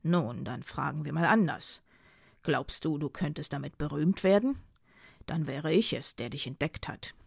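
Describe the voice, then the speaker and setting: A woman's voice: sits low, moderate pace, vocal fry, husky, no room sound, studio quality, voice pushed down, full character voice. Woman doing a smug, cocky male journalist. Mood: teasing. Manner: condescending, mocking banter.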